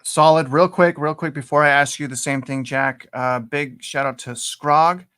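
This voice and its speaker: Male live-stream host, playful and teasing, slightly higher voice. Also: steady tone, normal speed, smooth. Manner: playful, teasing, shouts out viewers. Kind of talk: casual live-stream chat.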